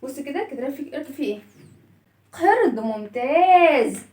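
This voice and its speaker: A woman's voice: high voice, lively intonation, fairly quick, darkish tone, roomy sound, distant mic. A woman with an Egyptian Arabic accent teaching children their letters, asking questions and praising their answers, and telling the letters' story as characters. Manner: call-and-response, praising children. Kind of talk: children's phonics lesson.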